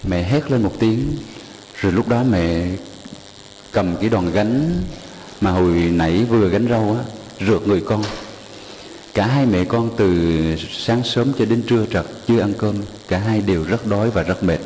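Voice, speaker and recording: A man telling a folk tale to listeners in an unhurried way, addressing them directly. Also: on the low side, darkish tone. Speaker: storyteller. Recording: long hall reverb, faint background noise.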